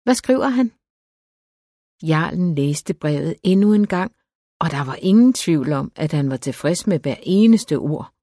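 A woman narrating an audiobook novel in a calm, measured way. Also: low voice, no echo, clean studio sound. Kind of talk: scripted narration.

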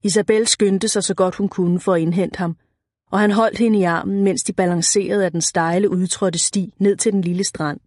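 A woman narrating an audiobook in a measured, even reading. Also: medium pitch, dry recording, clean studio sound.

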